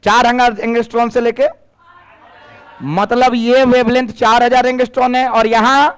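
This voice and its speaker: A male teacher, giving a lively classroom physics lecture and firing questions at his students. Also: very high-pitched, moderate pace, clean tone. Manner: lively, questioning students, mixing in Bhojpuri phrases.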